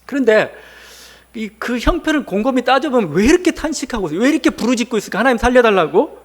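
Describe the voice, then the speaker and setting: A man's voice: very high voice, expressive, fast. A male pastor giving a conversational sermon, posing rhetorical questions to the congregation.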